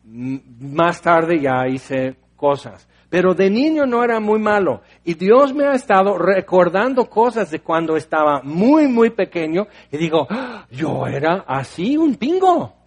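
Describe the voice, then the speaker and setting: A man preaching a sermon, telling the story in an animated way and acting out voices. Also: sits high, measured pace, few pauses.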